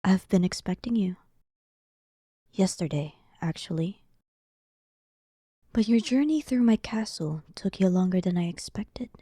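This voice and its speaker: Demon queen for roleplay audio , female performer: dominant, sarcastic, unhurried, dark soft tone, very close and dry. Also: medium pitch, expressive, breathy edge, dry recording. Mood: smug, condescending. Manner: slow, teasing, condescending. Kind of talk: scripted roleplay audio drama.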